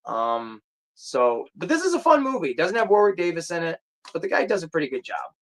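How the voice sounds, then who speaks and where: This is a livestream host chatting casually to viewers and answering their comments. The talk rambles and drifts, with pauses while the speaker hunts for a name. The voice sits in an ordinary middle range. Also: medium pitch, very animated. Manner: rambling, searches aloud for titles.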